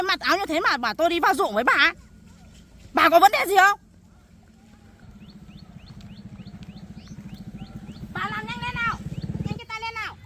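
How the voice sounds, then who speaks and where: A woman's voice: very high-pitched, sharp tone. A young woman playing a cruel, bossy daughter-in-law who harshly scolds and orders around her mother-in-law in a field. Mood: scolding. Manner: harsh, scolding, impatient commands. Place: outdoors in a rural field. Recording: noisy outdoor field recording.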